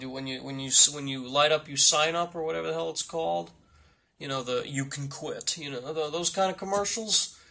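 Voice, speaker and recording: A man playing a blunt football coach at a mock press conference, rambling and repeating himself in halting answers. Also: fairly high pitch, creaky, sharp tone, full character voice.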